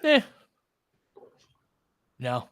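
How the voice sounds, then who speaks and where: Hosting a fan watch-along, a man gives casual live basketball commentary and chats with viewers, informal and slangy with some swearing. He draws out his words in a fairly bright voice, recorded dry in studio quality.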